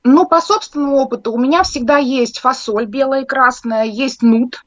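Dull, lo-fi video-call sound carries a woman's fairly high voice. She answers questions as an interview guest, with little room echo. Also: moderate pace. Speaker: guest, cook and cookbook editor.

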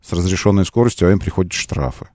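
A man with a fairly low voice talks as a radio host. He chats casually with callers, drawing out phrases as he thinks. The sound is dry and close, like a studio. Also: animated, fast, darkish tone, no echo. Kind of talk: casual live talk with callers.

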